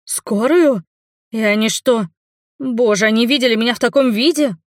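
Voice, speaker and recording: A woman's voice: fairly high pitch, normal speed, dry recording, studio quality, voice pushed up, lightly acted. A woman voicing a flustered, defensive young woman in an audiobook. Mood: alarmed. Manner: indignant, flustered. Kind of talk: audiobook character voice.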